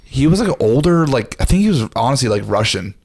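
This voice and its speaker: A man's voice: medium pitch, very animated, fairly quick, a little mellow, breathy edge. A young man on a podcast telling blunt, profane stories in casual chat. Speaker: podcast co-host.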